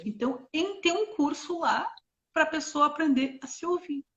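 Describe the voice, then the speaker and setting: On a parenting live stream, a middle-aged co-host with a high voice explains ideas at a moderate pace. She is animated and casual, filling her talk with examples and asides, and the audio sounds dull.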